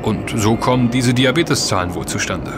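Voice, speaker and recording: Over loud background music, a man with a medium-pitched voice speaks at a normal pace, his delivery lightly acted. He is an actor in a scripted audio drama, voicing an earnest, knowledgeable man who explains things and emphatically warns his friends.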